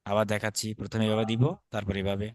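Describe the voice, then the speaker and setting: In a dry recording, this Bangladeshi instructor races through his Sanskrit script lesson in a lowish monotone. Still, he patiently repeats and shows every stroke, one step at a time.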